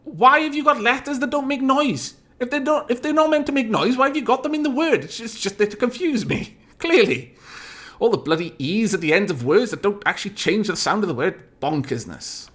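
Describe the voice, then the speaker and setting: Speaking a little fast with a lively pitch, this Welsh let's-play streamer, a native Welsh speaker, talks casually over his gameplay. He rambles, thinks aloud and makes dry asides against faint music in the background.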